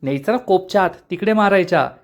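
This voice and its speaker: A man's voice: sits high, fast. A man voicing a cocky young friend who teases and boasts. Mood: teasing. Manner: teasing, boastful.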